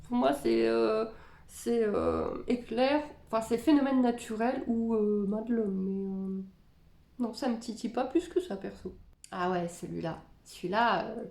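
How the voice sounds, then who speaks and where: Woman vlogger, higher voice, casual musing reaction chat, roomy echo. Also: big pitch swings, a little slow, creaky, darkish tone. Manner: musing, chatty, reads captions aloud then comments. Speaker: spiritual content creator reacting to videos.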